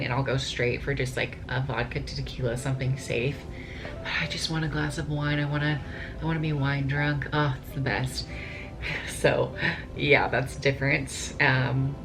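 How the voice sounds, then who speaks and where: A woman in her late twenties, a bikini competitor, chatting casually and ramblingly to camera with lots of filler words. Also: very deep voice. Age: 20s.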